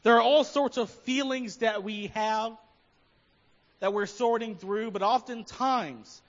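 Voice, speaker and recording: A man's voice: high-pitched, takes it slowly, lo-fi sound. A man preaching a sermon as pastor, talking conversationally and asking his listeners many questions.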